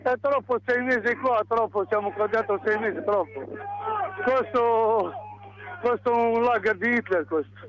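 A man's voice: high-pitched, normal speed, a crowd in the background. A man calling in over the phone from a rooftop, talking in agitated, broken phrases. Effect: heard over the phone. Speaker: detainee calling in. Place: on a rooftop outdoors. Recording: loud noisy phone line.

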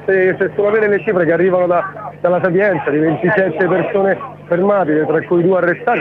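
A man reporting live by phone from a street, talking haltingly and repeating words as he goes. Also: sits high. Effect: heard over a phone line. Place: outdoors in a street amid a crowd. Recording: tinny phone line with street noise.

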